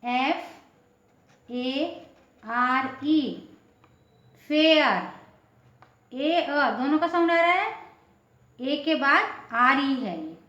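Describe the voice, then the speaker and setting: A woman teaches pronunciation very slowly, spelling words out letter by letter before saying them. Her voice sits high, and she asks and answers her own questions. The recording is echoey and a bit dull. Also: animated, bright, forceful tone.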